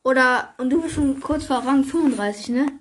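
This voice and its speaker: A young woman hosting a gaming video, chatting casually with slang and excited gasps while she plays. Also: high voice, fairly quick.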